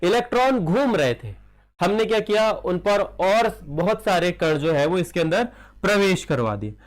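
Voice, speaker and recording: Male chemistry teacher, Hindi accent, high voice, classroom lecture style that asks and answers its own questions. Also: expressive, normal speed. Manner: questions students, answers himself; calls listeners child.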